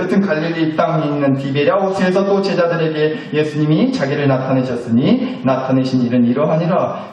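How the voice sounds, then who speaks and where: A male pastor preaching a sermon with animated storytelling and acted-out quotes, in a very echoey room from a distant mic. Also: on the high side.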